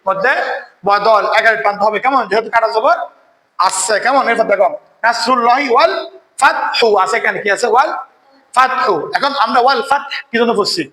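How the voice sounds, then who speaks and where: A man's voice: extremely high pitch, pushed and bright, echoey room, poor audio. A man teaching a Quran recitation lesson who quizzes his students and keeps checking that they follow. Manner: quizzes students, often asks "কেমন?" to check understanding; chants verses slowly when demonstrating recitation. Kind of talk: classroom tajweed lesson.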